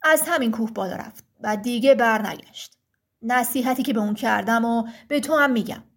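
A woman voicing a huge stone giant who gives slow, solemn warnings in a thick deep voice. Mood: stern warning.

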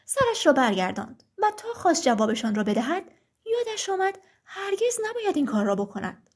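Female storyteller, high voice, calm clear narration of a children's tale.

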